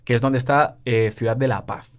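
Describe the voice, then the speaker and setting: A man's voice: medium pitch, normal speed. A man co-hosting a podcast, explaining history in casual chat with frequent fillers. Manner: explains with many fillers and asides. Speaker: podcast co-host.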